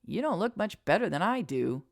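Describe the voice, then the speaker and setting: A woman voicing a wry, loyal young deputy who talks briskly in a storybook reading. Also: on the low side, big pitch swings, gravelly, no room sound, clean studio sound, pitched above the performer's own voice, heavily acted.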